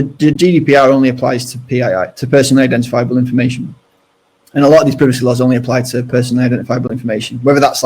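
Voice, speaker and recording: Husky guy on a webinar, keeps restarting his sentences, lots of likes and ums. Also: mid-range voice, a little mellow, rough recording. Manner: halting, full of restarts and fillers. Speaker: guest speaker. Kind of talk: casual webinar talk.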